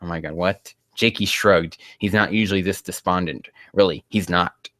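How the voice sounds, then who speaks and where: Reading fan fiction at normal speed, a man speaks in a low, steady voice with a fairly bright tone. The host critiques the amateur piece with casual mockery, rambling on, swearing out of exasperation and tripping over the writing.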